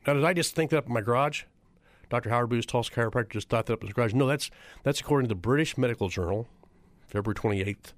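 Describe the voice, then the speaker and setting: A man's voice: on the low side, dry recording. A middle-aged man, a chiropractor giving a public talk, repeating figures for emphasis and throwing rhetorical questions at the audience. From United States.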